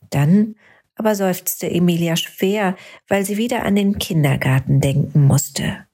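A woman narrating a bedtime story for children in a soft, often half-whispered voice. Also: lowish voice, slightly rough.

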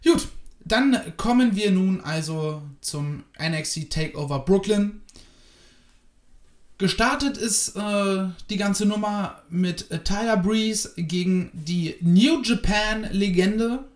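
A man talks through a wrestling event in a loose, rambling way, stopping often for filler sounds. His delivery is slow and unhurried. His voice echoes around the room he records in. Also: high-pitched. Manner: hesitant, many fillers, rambling. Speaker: wrestling reviewer. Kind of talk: casual spoken review.

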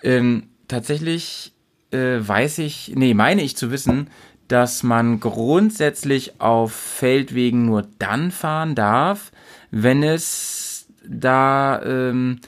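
A man's voice: medium pitch, slow pace. Chill podcast guy, casual chat, kinda rambly with ums. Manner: relaxed, thinking aloud with fillers. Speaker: podcast co-host.

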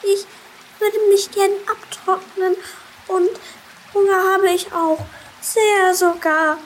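A woman voicing a small, soaked, timid female bee in a children's storybook, with a high, soft, sniffling voice. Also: level tone, takes it slowly, a little hiss or hum, rough recording. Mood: pleading. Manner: sniffling, downcast.

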